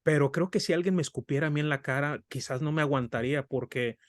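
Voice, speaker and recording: Here a middle-aged preacher from Mexico, his accent Mexican Spanish, talks fast in a fairly high voice during an earnest, conversational Bible study sermon. He calls listeners brothers, and the studio recording has no echo.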